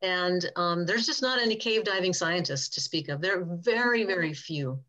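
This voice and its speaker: A woman's voice: fairly low pitch, expressive, normal speed, fairly bright tone, muffled recording. Older woman chatting on a video call. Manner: chatty, rambling, self-correcting. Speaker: guest speaker, cave diving scientist.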